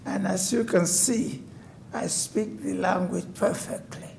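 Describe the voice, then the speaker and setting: In a city council chamber, a resident in his nineties, originally from West Africa, offers formal personal testimony before the code enforcement board. He takes it slowly, his voice sitting high, creaky and a little mellow, with a faint hiss or hum in the background.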